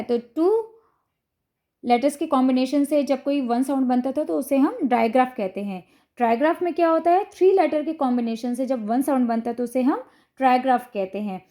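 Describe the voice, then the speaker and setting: ऊँची, मधुर आवाज़ वाली महिला शिक्षिका. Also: female voice, high-pitched, mellow. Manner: patient, step-by-step explaining with frequent "ठीक है" checks. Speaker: teacher explaining phonics to parents. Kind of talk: explanatory lesson to camera.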